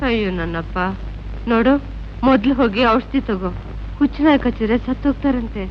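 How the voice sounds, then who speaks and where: A woman's voice: fairly high pitch, expressive, fairly quick, slight background noise, lightly acted. An actress playing a poor, proud old grandmother who pleads and scolds, in 1980s film acting. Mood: worried. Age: older. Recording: dull old film soundtrack.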